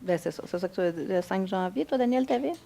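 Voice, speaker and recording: A woman's voice: mid-range voice, lively intonation, fast, vocal fry, mellow. Woman chairing, with a Quebec accent. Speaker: council meeting chair. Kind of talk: moderating a public question period. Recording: faint council-room noise.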